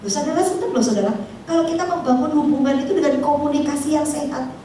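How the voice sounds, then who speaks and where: A woman pastor, preaching in a lively, chatty way and often addressing the congregation. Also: high voice, fast, slight background noise. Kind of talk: sermon. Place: church hall. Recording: echoey hall, distant mic.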